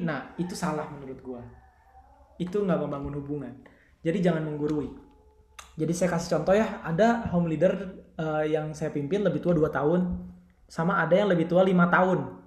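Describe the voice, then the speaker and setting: A man's voice: fairly high pitch, darkish tone. A young man with a Bandung Indonesian accent leads a casual church discipleship class, chatting with listeners and acting out bits of dialogue. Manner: conversational, acts out quoted dialogue, asks listeners questions. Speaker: youth ministry leader teaching a discipleship class. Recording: roomy echo.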